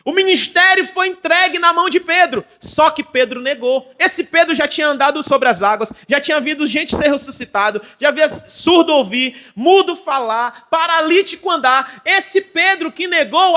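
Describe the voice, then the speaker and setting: Male pastor, Brazilian Portuguese accent, very high voice, shouts with excitement while preaching. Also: normal speed, hardly any pauses. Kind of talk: sermon.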